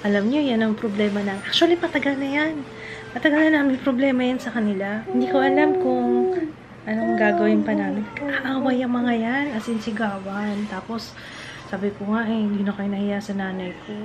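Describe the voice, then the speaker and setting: A woman's voice: a little high, a little fast, a loud crowd, low-quality recording. A woman vlogger talking candidly to her viewers at home in a casual, confiding way. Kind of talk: casual chat to camera.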